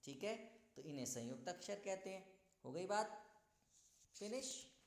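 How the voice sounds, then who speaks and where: A male teacher giving a Hindi grammar lesson, patiently sounding out letters slowly and clearly and explaining them with everyday examples. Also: high voice, expressive, roomy sound.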